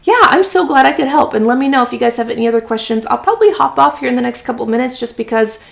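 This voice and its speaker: Quick and animated, a freelance writing live stream host fields viewer questions from her home office, loose and encouraging, with frequent "um" and "like." Her voice runs a touch high, full of vocal fry, and sounds slightly hoarse after a long stretch of talking.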